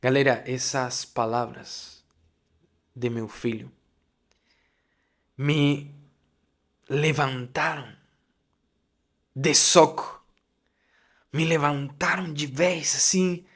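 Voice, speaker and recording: A man's voice: mid-range voice, fairly even intonation, extremely slow, pauses often, a bit bright. A young man in the middle of his range delivers a heartfelt faith testimony on his podcast. He talks with open emotion and hammers home his advice by repeating the same phrases. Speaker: podcast host.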